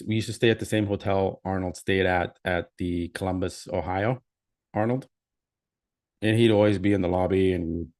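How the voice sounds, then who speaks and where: Speaking in a low, slightly mellow voice, a Canadian-accented man hosts a live stream. He keeps things chatty, reading out viewers' comments and where they're from.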